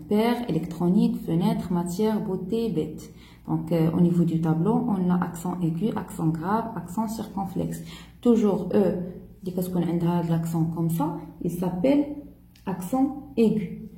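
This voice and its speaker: A woman teacher, slowly correcting a primary school French test step by step. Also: fairly low pitch, dark tone, echoey room, low-quality recording. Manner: slow, spells out each step.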